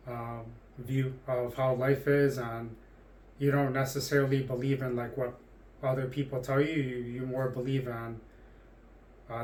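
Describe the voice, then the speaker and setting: Rambling man in his forties, flat delivery. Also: medium pitch, echoey room, slight background noise. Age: 40s. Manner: rambling, hesitant with frequent restarts. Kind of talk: casual monologue.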